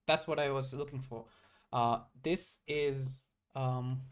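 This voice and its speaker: A man talks through his code on a live stream. His voice sits at a middling pitch. He halts often, restarts phrases and fills gaps with ums as he works things out. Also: steady tone. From Bangladesh. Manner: halting, self-correcting, many fillers. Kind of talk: live coding stream, thinking aloud.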